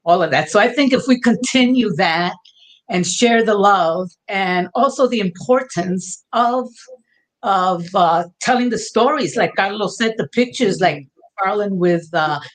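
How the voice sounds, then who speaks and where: A woman's voice: medium pitch, a little slow. A woman from Brooklyn with a New York Puerto Rican accent, speaking heartfelt in a panel discussion and mixing Spanish phrases into her English. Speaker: panel guest.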